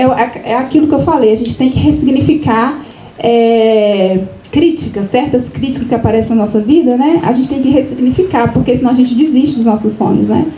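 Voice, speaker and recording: At her book launch, a woman author from Minas Gerais, Brazil, tells personal stories casually to a live audience in a high, mellow voice that runs a little fast. She's chatty, constantly tacking on tag questions and restarting sentences. The event room is echoey, with a faint background hum.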